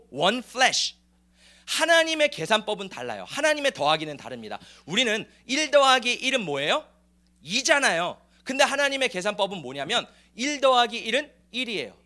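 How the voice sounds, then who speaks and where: Man, pastor, sermon, bright forceful tone, emphatic preaching. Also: sits high. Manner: lively and emphatic, calling hallelujah and asking the congregation questions. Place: church sanctuary.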